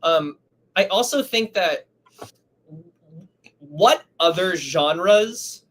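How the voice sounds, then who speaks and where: A man's voice: sits high, very slow, rough recording. A man being interviewed about his film, telling stories with enthusiasm. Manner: animated storyteller, enthusiastic. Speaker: actor, writer and director guest. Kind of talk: casual interview chat.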